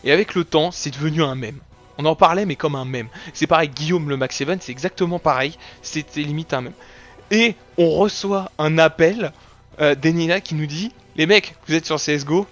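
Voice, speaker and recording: A young French-speaking man talks through his channel's year in a loose, slangy, joking way. His voice sits a touch high for a man, with soft music playing faintly underneath. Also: moderate pace. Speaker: YouTube gaming creator. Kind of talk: casual anniversary recap video.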